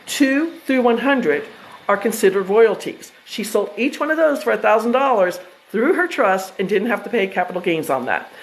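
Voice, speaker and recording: A woman's voice: mid-range voice, lively intonation, moderate pace, poor audio. An American woman in her fifties giving a casual presentation on trusts, chatty and full of fillers and restarts. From United States. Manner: chatty, self-interrupting, with frequent fillers and restarts. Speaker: trust educator presenting to investors.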